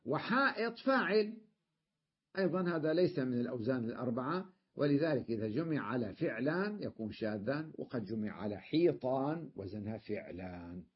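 A man's voice: mid-range voice, very animated, fairly quick, slightly rough, lo-fi sound. A man teaching a grammar class, explaining step by step and often checking that his students follow. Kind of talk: classroom lesson.

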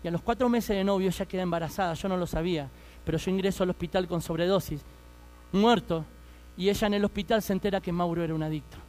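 A man's voice: high voice, quick pace, a little mellow. A man in his thirties with an Argentine accent, telling his life story as a fervent preaching testimony and speaking straight to his listeners. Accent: Argentine Spanish.

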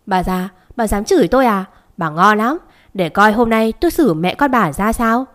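A woman's voice: medium pitch, animated, fairly quick, fairly bright tone, close to an everyday voice. A woman reading the lines of a hot-headed young male servant who curses and snarls threats. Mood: threatening.

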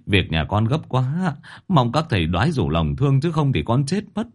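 A man's voice: medium pitch, big pitch swings, moderate pace. A man voicing a desperate peasant husband who pleads and stammers in a storybook. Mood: pleading.

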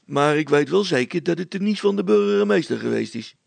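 A man voicing an eager young village man who tells his story in a breathless, excited rush. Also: fairly high pitch, a little fast, vocal fry, dry recording, voice pushed up, exaggerated voice.

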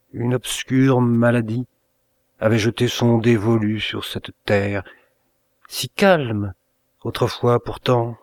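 A man reading a grim first-person short story aloud in a measured, dramatic way. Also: on the low side, dry recording. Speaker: reader of short stories. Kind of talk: first-person literary narration.

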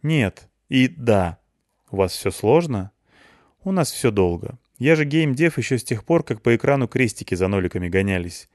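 A man's voice: mid-range voice, animated, normal speed, darkish tone, no echo, clean studio sound, lightly acted. A man voicing a blunt, dryly scolding older game developer in an audiobook.

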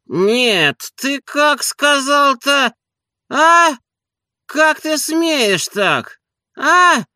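A man voicing a lazy, sleepy landowner who is hoarse and petulant. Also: high voice, lively intonation, takes it slowly, sharp tone, no room sound, studio quality, pitched above the performer's own voice, exaggerated voice. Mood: irritable. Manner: whiny, petulant.

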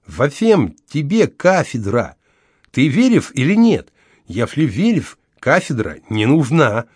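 A man's voice: medium pitch, wildly swooping pitch, takes it slowly, darkish tone, husky, no room sound, clean studio sound, pitched above the performer's own voice, exaggerated voice. A man voicing a young, badly beaten woman who lisps heavily through missing front teeth, bitter and proud. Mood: earnest blunt.

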